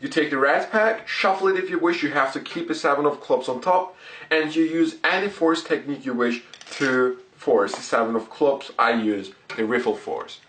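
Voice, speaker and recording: A man presenting card tricks and explaining them step by step, in deliberate, short broken phrases. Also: a little high, fairly bright tone, a little hiss or hum. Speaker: magic tutorial presenter. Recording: roomy echo, distant microphone.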